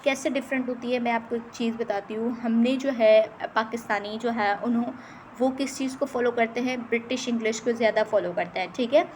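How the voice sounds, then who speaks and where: A woman from Pakistan teaching a lecture on English dialects, explaining in Urdu with English terms and slowly reading out English passages. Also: on the high side, steady tone, darkish tone, slight background noise, rough recording. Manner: often adds "theek hai" between points.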